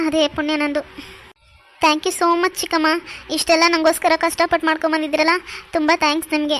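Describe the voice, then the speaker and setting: A woman voicing a gentle grateful young wife. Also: very high voice, a little hiss or hum. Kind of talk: cartoon voice acting.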